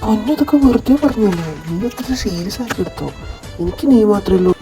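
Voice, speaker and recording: A woman voicing a gruff middle-aged mafia husband and father who coaxes and placates his wife. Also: mid-range voice, animated, brisk, pitched below the performer's own voice, close to an everyday voice. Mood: placating. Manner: coaxing, placating. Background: music.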